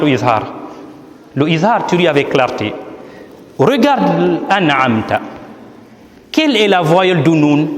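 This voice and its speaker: A man, an imam, presenting his book as a teaching talk, explaining step by step and asking and answering his own questions. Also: on the high side. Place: large hall at a ceremony. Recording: echoey hall with long reverb.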